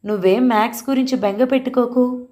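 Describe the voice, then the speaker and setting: A woman's voice: fairly high pitch, steady tone, quick pace, warm tone, voice pushed up, close to an everyday voice. A woman voicing a loving grandmother who tenderly coaxes and comforts her grandson in an audio story. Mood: soothing. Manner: tender, coaxing. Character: loving grandmother, gentle and soothing.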